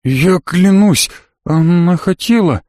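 A man's voice: sits high, normal speed, darkish tone, no echo, studio quality, voice pushed up, natural voice. A man doing a whining, shaky young guy.

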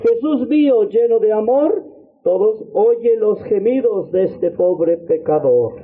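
High-voiced man preaching over a tinny line. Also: lively intonation, slow pace. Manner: fervent preaching, repeated invocations, swings between low and high pitch. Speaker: missionary preacher. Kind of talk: sermon. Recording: tinny phone-like audio.

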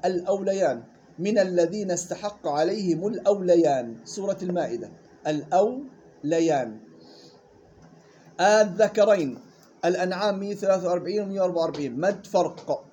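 A man teaching Quran recitation rules. He models the words slowly and quizzes his students. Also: high voice, warm tone, dull audio, a little hiss or hum. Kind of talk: tajweed lesson.

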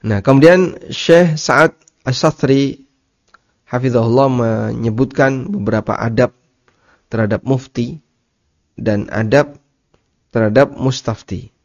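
A man giving a religious study lecture, explaining slowly, repeating key terms and asking listeners rhetorical questions. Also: medium pitch. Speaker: Islamic teacher. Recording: dull lo-fi lecture recording.

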